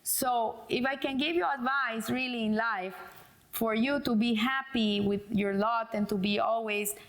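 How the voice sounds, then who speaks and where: A woman's voice: fairly high pitch, fairly even intonation, a little slow. A middle-aged woman giving a casual religious lesson, hesitant, with many fillers and restarts. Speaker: Torah teacher.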